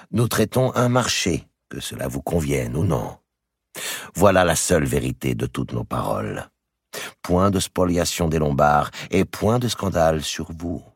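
A man voicing a cold, shrewd middle-aged merchant in an audiobook, speaking in a measured, deliberate and calmly menacing way. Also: very deep voice, breathy edge, dry recording, heavily acted. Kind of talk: audiobook character reading. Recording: dry close recording.

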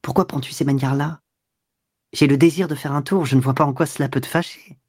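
A quick-tempered young woman in an audiobook, clipped and scornful in her replies, as a man reads her lines. Her voice sits higher than the narration and snaps at each word. The reading is close and dry, with no room sound at all. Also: fairly even intonation, no echo, close to an everyday voice. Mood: cold. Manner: cold, curt, disdainful replies. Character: spirited young woman, proud, quick to anger. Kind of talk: audiobook dialogue.

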